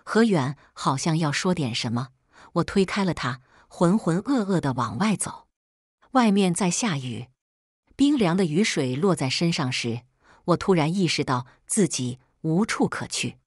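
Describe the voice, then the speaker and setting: A woman telling a first-person story in a calm, measured scripted narration. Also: low-pitched, husky, no room sound, clean studio sound.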